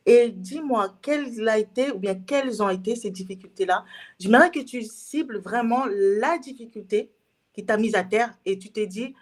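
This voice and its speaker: A woman's voice: fairly high pitch, moderate pace. A woman hosting a casual interview, effusive and often exclaiming in amazement. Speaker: host.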